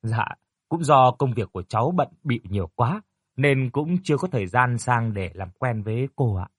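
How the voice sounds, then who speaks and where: A man voicing a young doctor who speaks in a measured, polite way. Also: medium pitch, animated, slightly rough, dry recording, clean studio sound. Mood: courteous. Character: calm, courteous young male doctor.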